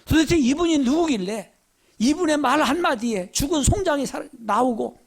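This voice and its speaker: A pastor preaches in a very high, gravelly voice, telling stories with lively energy. He keeps drawing in his listeners with rhetorical questions. His gravelly edge stays through every phrase. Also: normal speed. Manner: animated storytelling, rhetorical questions. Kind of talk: sermon.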